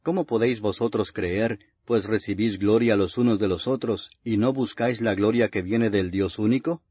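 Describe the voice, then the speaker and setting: A man's voice: on the low side, normal speed, slightly rough. A man reading the Bible aloud as a scripted narration, in a solemn, grave and declamatory manner. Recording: muffled, reverberant lo-fi audio.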